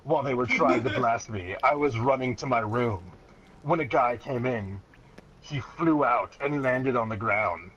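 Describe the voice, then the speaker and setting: Reading a story from childhood, this man uses a mid-range, slightly bright voice and a somewhat slow pace, hamming up a dramatic, mock-serious tone as laughter keeps threatening to break through. Background noise is clear on the dull, lo-fi audio.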